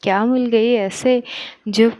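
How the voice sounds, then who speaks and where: A woman's voice: fairly high pitch, steady tone, slow pace, warm tone, dry recording. A woman playing a teasing young sister-in-law. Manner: teasing, exclamatory.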